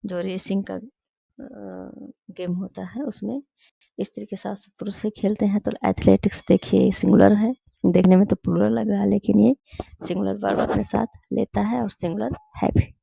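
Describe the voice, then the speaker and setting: A woman tutor giving a grammar lesson in Hindi, explaining step by step and reading English example sentences slowly. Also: mid-range voice, level tone, gravelly, dark tone, husky, no echo, muffled recording.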